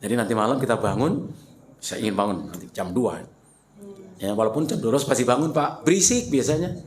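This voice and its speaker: A man preaching a mosque lecture, animated and rhetorical, turning often to his listeners with questions. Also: medium pitch, fairly quick. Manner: animated, rhetorical questions, addresses the congregation directly.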